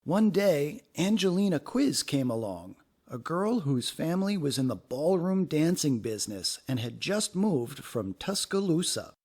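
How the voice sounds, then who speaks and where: With a fairly high, slightly rough voice, a man reads a children's picture book aloud, telling the story expressively and deliberately.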